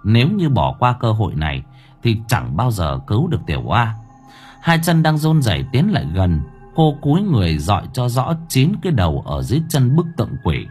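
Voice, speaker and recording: A man narrating a horror story in a dramatic, expressive way. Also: mid-range voice, a little fast, soft background music. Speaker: audiobook narrator.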